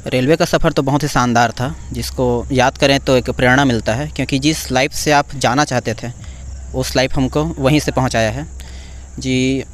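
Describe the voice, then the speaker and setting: A man's voice: medium pitch, steady tone, moderate pace. A man from Chhattisgarh, a railway employee, answering interview questions in an earnest, reflective way. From Chhattisgarh, India.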